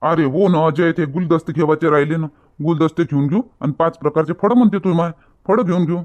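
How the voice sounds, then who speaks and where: A man's voice: a little high, fast talker. A man acting in a village comedy skit, talking in a bossy, grumbling way. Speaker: comedy sketch actor.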